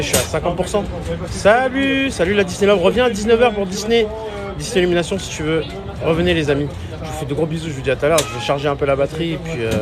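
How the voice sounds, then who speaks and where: Slangy young man streaming from a busy park. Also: fairly high pitch. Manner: chatty, slangy, swears casually. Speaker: livestream host. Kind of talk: casual live vlog chat. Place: outdoor theme park. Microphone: handheld phone. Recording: park music and crowd noise behind.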